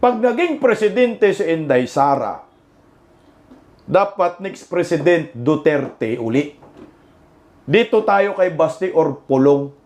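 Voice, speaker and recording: A Filipino man doing laughing, mocking reaction commentary over protest footage, jeering and shouting exclamations. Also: on the high side, expressive, slow, pauses often. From Philippines.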